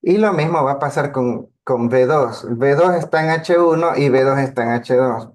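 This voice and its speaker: A man's voice: mid-range voice, moderate pace. A man gives a math lecture, working through each step patiently. He keeps checking in with his listeners as he goes, in a plain teaching voice. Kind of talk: lecture on linear algebra.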